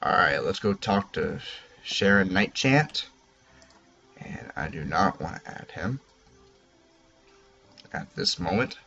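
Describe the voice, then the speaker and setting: A man narrating a game walkthrough casually, in a lowish voice and at a very slow pace. The recording is dull and lo-fi, with game music behind him. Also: expressive, vocal fry, pushed and bright.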